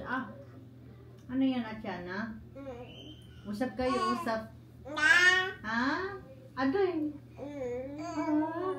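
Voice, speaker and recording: Cooing high-voiced woman doing baby talk. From Philippines. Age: 30s. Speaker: vlogger. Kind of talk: casual home vlog, talking to babies. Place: family home, indoors. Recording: echoey room, faint noise.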